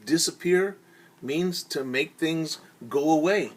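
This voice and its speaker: With a fairly high-pitched voice, a man narrates a story theatrically as a teacher to young children, breaking off to explain words in simple terms and performing the sounds.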